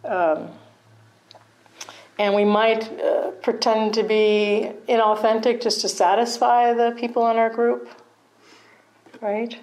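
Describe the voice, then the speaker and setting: A woman's voice: on the high side, flat delivery, takes it slowly, long pauses, a little mellow, low-quality recording. A middle-aged woman teaching meditation in a conversational dharma talk, often checking in with her listeners and laughing at herself.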